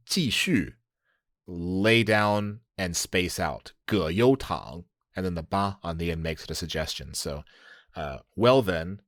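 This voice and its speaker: A man's voice: deep voice, no echo, studio quality. A man hosting a language podcast, explaining slang step by step in a casual, laughing way. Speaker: podcast host teaching slang. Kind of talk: casual teaching chat.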